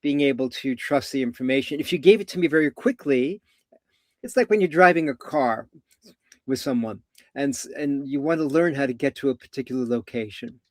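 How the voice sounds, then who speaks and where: Older male coach, measured and expressive, dry close sound, mid pitch. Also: no room sound. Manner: measured, animated storytelling with voiced vocal sounds. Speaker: coach and therapist. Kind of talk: live video conversation.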